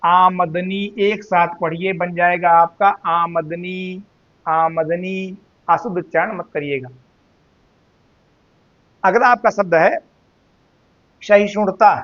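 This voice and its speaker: High-voiced man teaching Hindi slowly. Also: a bit bright, lo-fi sound. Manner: slow, drawn-out repetition of words, addresses students as "beta". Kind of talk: spelling and grammar lesson.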